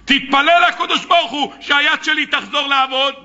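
A man's voice: extremely high pitch, fairly even intonation, bright, forceful tone, highs cut off, pitched above the performer's own voice, full character voice. A man acting out a paralyzed king who pleads with a prophet to pray for him. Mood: pleading.

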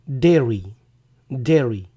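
A male teacher running a vocabulary quiz lesson, repeating each English word slowly and carefully, his voice not fully recovered. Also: mid-range voice, lively intonation, mellow, breathy edge.

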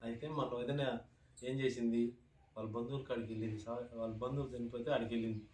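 A man's voice: mid-range voice, steady tone, a little mellow. A man trading jokes and stories in casual chat. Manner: quick joking banter. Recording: echoey room from a distance.

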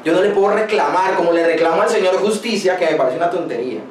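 A man preaching a sermon in a high, ringing voice, pressing his points with rhetorical questions and stories from his own ministry. He sounds set back from the mic in an echoey church hall. A faint hiss of noise sits under his voice. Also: lively intonation, fast talker, recorded from a distance. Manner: emphatic preaching with rhetorical questions and personal anecdotes. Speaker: pastor.

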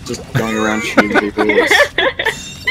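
A man doing play-by-play esports commentary, rambling and excitable, with lots of fillers. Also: mid-range voice, normal speed, crowd noise. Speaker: esports caster. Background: background music.

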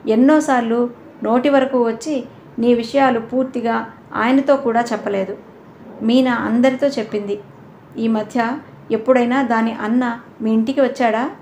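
A woman's voice: a little high, fairly even intonation, moderate pace, long pauses, darkish tone, slight background noise, close to an everyday voice. A woman reading an audio novel voices a frank young woman who lectures her friend bluntly. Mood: firm.

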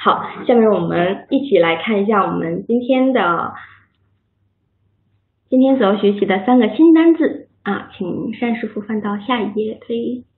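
A woman's voice: medium pitch, lively intonation, normal speed, slight background noise. A woman teaching an English vocabulary lesson on a video call, encouraging and praising her students and drilling words by repetition. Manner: drills words by repeating them. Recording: tinny phone-like line, echoey room.

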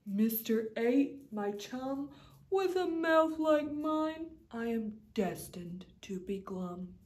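Woman putting on a gloomy male fish, mopey drone, slow, storybook. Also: lively intonation, darkish tone. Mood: glum. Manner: low, droning, mopey. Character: glum male pout fish, gloomy and sulky.

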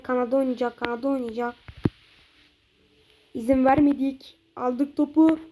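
A high, dark-toned woman commentating her own football video game session. She shouts at her players, groans when a pass fails and stretches her goal calls out long. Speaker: gameplay streamer.

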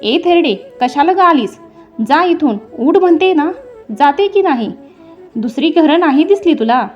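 A woman's voice: sits high, expressive, measured pace, highs cut off, faint music behind. A woman voicing a haughty queen who speaks harshly and with contempt in a storybook telling. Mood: contemptuous. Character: haughty rude queen shouting at a beggar.

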